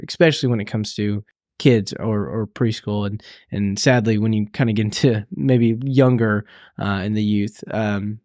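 A man co-hosts a church podcast in a relaxed, halting way, stopping on fillers and restarting his sentences. His voice sits at an ordinary middle pitch. The sound is dry and close. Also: no room sound. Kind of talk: casual conversation.

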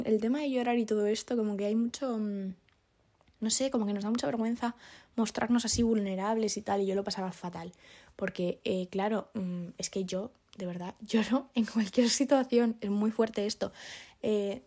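A young woman from chats in a loose, confessional monologue. She is self-deprecating and laughs often, filling pauses with little hesitations as she talks through her thoughts. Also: fairly high pitch, dark tone. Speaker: podcast host.

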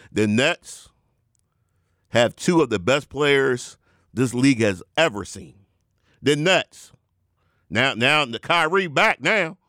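Man, hype-style sports preacher, third-person talk, lively swooping pitch, dry close sound. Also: no room sound. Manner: swings from low drawl to high excited bursts. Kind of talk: sports talk mixed with sermon.

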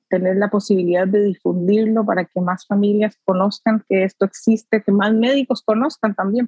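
A woman guest in an interview, a mother speaking earnestly and warmly with frequent filler sounds. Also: medium pitch, no room sound, lo-fi sound. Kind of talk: conversational interview.

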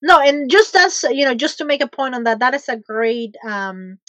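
A woman's voice: sits high, moderate pace, fairly bright tone, dry recording. A woman interviewing guests, speaking in an affirming way with fillers. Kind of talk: casual interview chat. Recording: dull dry sound.

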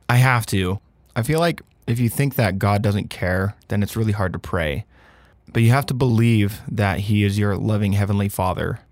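A man hosting a podcast in a casual, candid personal monologue, chatty and informal with animated emphasis. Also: mid-range voice, no echo. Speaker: podcast host.

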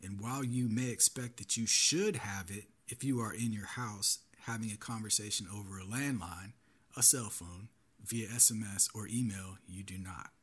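Husky low-voiced male podcast host. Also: normal speed, a bit bright. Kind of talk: solo podcast commentary.

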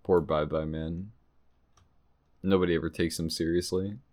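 A man's voice: deep voice, fairly even intonation, normal speed, darkish tone. A man co-hosting a podcast in casual chat, hesitant with many ums and dry teasing, on a home mic over a call. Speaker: podcast co-host. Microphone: home mic over Discord call.

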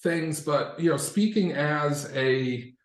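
A man's voice: a little high, slow. Discursive man in an echoey room. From Massachusetts. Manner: discursive, self-correcting, with wry asides and profanity. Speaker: podcast co-host. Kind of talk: casual conversational explaining.

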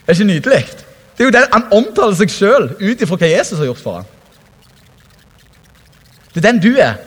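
A man preaching a sermon, his pitch riding high and swinging widely. He talks to the room in a casual, animated way, breaking into laughter and acting out quotes. His voice rings through a hall with a long echo. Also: breathy edge. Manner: animated, conversational, laughs often, acts out quotes. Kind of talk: lively sermon.

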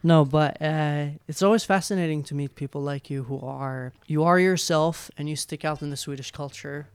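A man co-hosting a podcast, chatting casually and eagerly, quick to laugh. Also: a little high, smooth, dry recording. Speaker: podcast co-host. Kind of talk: casual chat.

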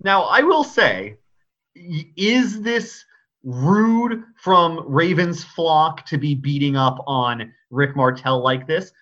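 A man co-hosting a podcast, chatting casually in an animated voice that leaps around his pitch range. He laughs often and swears offhandedly. The recording sounds somewhat dull and lo-fi. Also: slow pace. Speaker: podcast co-host. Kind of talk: casual chat.

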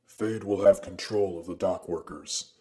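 A man doing a deep, dark, blunt crewman. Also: a little slow. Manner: blunt, flat. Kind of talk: audio drama character acting.

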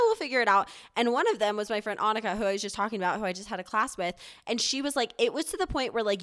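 In a mid-range, slightly bright voice, a young woman co-hosting a podcast chats away casually despite being sick and congested. She tells stories in a chatty style, sprinkled heavily with "like" and "um."

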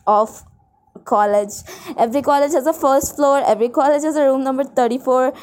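Her voice is high, clear, and resonant with a slightly mellow quality, and she speaks fairly quickly. This college-aged podcast co-host has an Indian accent and a casual, rambling style that's dramatic, irreverent, and self-deprecating.

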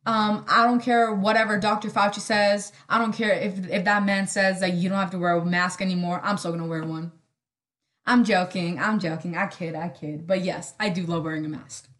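A young woman hosting a solo podcast in casual chat, sarcastic and rambling, full of "like" and quick asides. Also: medium pitch, steady tone, fairly bright tone. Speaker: podcast host.

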